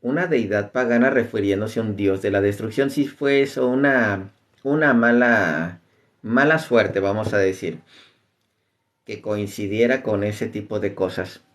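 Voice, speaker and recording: A man teaching an informal class on the Bible, talking loosely and often pausing on "este". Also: on the low side. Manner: conversational, many fillers like "este".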